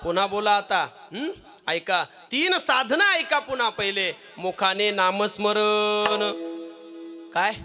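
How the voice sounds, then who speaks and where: A man's voice: high voice, slow pace, bright, forceful tone, soft background music. A man with a Marathi accent preaching a devotional kirtan, asking the audience questions, singing verses and laughing often.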